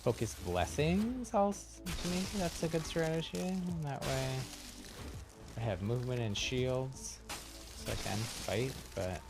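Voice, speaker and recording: A game streamer with an animated, mid-range voice talks slightly slowly as he casually narrates his play, feigning exasperation for fun. Loud game music sits behind his voice.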